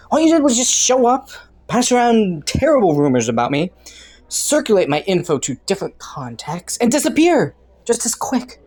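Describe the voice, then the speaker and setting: A woman's voice: on the low side, a little mellow. Woman acting flirty, swooping, teasing criminal Killua. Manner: playful, taunting, coy, drawn-out mock innocence. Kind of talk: scripted roleplay audio, intimate monologue to the listener.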